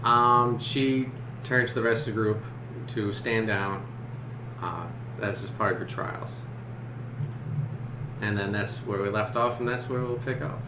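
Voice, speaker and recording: A man narrating a tabletop role-playing game as game master, halting and searching for his words. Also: on the low side, steady tone. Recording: roomy, echoey, noisy room recording.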